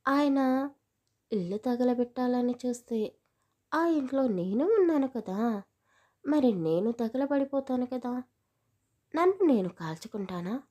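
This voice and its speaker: A woman's voice: high voice, expressive, a little slow, pauses often, warm tone. A woman voicing a frightened young bride who apologizes and pleads in a storybook. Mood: apologetic.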